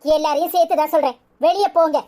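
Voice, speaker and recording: A woman voicing a defiant, sharp-tongued young wife in a cartoon, scolding with a Tirunelveli Tamil accent. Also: high voice, animated, normal speed. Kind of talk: cartoon voice acting.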